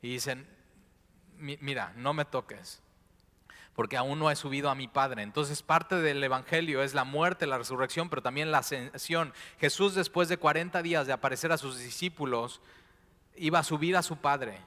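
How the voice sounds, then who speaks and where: Impassioned pastor, bright voice. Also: male voice, mid-range voice, normal speed. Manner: swings between hushed and loud impassioned preaching. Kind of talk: sermon. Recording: long hall reverb.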